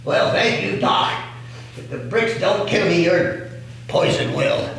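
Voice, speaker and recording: Male actor doing a slow, folksy, cantankerous old river baron; lively sing-song delivery, heard from across an echoey, noisy room. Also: high voice, vocal fry, distant mic, exaggerated voice. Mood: cranky. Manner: folksy, grumbling, talks back to an unseen doctor. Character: cranky elderly male riverboat magnate, stubborn. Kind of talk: one-man stage monologue.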